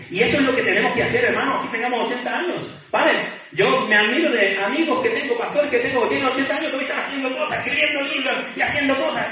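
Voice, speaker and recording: Guy preaching casual sermon, high voice, keeps asking the crowd little questions, kinda far off & dull sounding. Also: sharp tone, heavy reverb. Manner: chatty, checks in with tag questions and light laughs. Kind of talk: conversational sermon.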